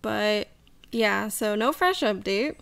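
Chatting on a home podcast mic from her couch, this female co-host vents in an exasperated way, laughing as she goes. She sounds animated yet slow, at medium pitch, with a creaky, somewhat bright and smooth voice.

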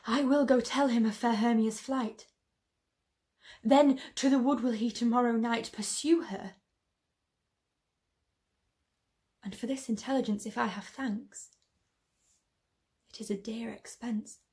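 A young woman playing a lovelorn tragic heroine in a classical Shakespeare monologue, sorrowful and measured, with long theatrical pauses. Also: fairly high pitch, steady tone, darkish tone, distant mic, close to an everyday voice. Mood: pained resolve. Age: young adult. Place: small bedroom, indoors. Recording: roomy echo.

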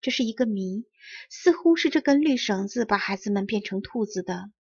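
A woman reading a children's story aloud in clear, carefully enunciated storybook narration. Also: mid-range voice, animated, normal speed, darkish tone, dull audio. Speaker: audiobook reader.

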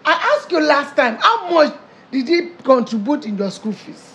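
Performer playing a gravelly Nigerian mama. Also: sits high, sing-song, normal speed, bright, forceful tone, a little hiss or hum, exaggerated voice. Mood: indignant. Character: pushy Igbo mother of the bride, loud and preachy. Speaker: mother-in-law character. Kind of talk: comedy skit acting.

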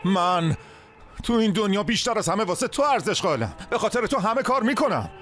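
A man's voice: high-pitched, big pitch swings. A man dubbing a hot-tempered, proud husband into Persian, arguing insistently with his wife in a TV drama. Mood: angry. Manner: shouting, pleading, insistent. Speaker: husband in a marital quarrel. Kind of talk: Persian dub of a Turkish TV drama. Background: faint music.

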